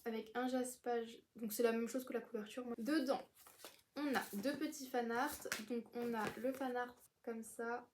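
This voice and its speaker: A woman's voice: fairly high pitch, steady tone, moderate pace, noisy background. An eighteen-year-old woman from France chatting casually about her book purchases, rambling with fillers and restarts. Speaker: book vlogger. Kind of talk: casual book haul chat.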